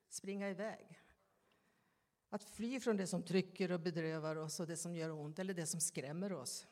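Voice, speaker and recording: A woman preaching a sermon, slow and reflective, with pauses and questions put to her listeners. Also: fairly low pitch, a little mellow, big-room sound. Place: church.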